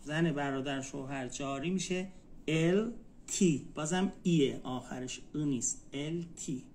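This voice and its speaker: A man from Iran teaching a student one-on-one, saying each word slowly and repeating it so the student can write it down. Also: a little high, darkish tone. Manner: repeats words slowly, spells them out for a student. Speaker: Turkish language tutor. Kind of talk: one-on-one language lesson.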